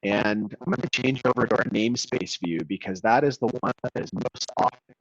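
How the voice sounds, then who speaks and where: A man presenting a software walkthrough in a webinar, explaining steadily while his call audio keeps cutting out and breaking up. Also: mid-range voice, fairly quick, no room sound. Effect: choppy, cutting-out call audio. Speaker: product demo presenter. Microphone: video call. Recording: dull, dry, glitchy call audio.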